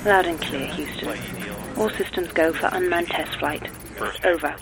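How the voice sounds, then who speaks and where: An actor playing a calm male space centre controller who answers over a radio link in brisk, clipped radio procedure. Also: a little high, loud music behind the voice. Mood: routine. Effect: heard over a radio link. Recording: loud background noise.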